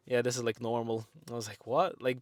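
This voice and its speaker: A man in his twenties, a vlogger from Lithuania with Lithuanian and Russian as first languages, chats to the camera in Lithuanian-accented English about something that happened to him. He is candid and uses lots of fillers. His voice sits in the mid range, and the recording is dry and of studio quality.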